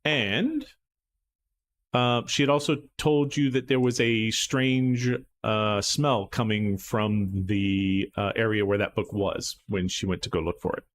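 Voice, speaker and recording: A man's voice: fairly low pitch, measured pace, a little hiss or hum. A man acting as game master, recapping a tabletop horror game in a loose, rambling way full of fillers and restarts.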